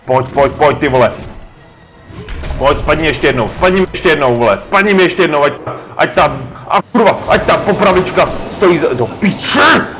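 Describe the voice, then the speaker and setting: A man from the Czech Republic commentating his own gameplay, swearing nonstop and shouting taunts at the enemy he is fighting. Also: a little high, over music. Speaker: let's play gamer. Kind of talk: profane live gameplay commentary.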